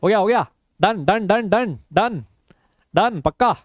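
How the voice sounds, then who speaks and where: Male teacher, high-pitched voice, teasing banter, live online class, dry close mic. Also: expressive, takes it slowly, no echo. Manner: teasing, banters with students in Hindi-English mix. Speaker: chemistry teacher.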